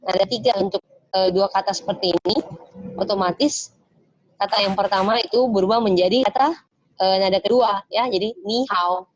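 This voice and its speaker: A woman teaching an online Mandarin lesson in a patient manner, explaining step by step and saying words slowly for her students to copy. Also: mid-range voice, steady tone, lo-fi sound, slight background noise. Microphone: video call.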